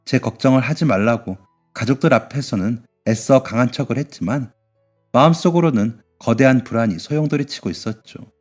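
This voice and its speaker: A man reading a scripted first-person story in an even, measured way. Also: medium pitch. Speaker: story narrator. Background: faint music.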